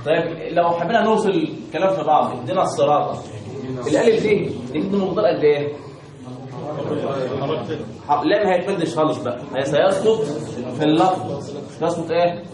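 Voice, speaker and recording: An Egyptian man teaching Quran recitation in a quick, slightly high voice. He keeps asking questions and drills pronunciation call-and-response style. He sounds distant, as if recorded from far off in an echoey room. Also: crowd noise. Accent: Egyptian Arabic.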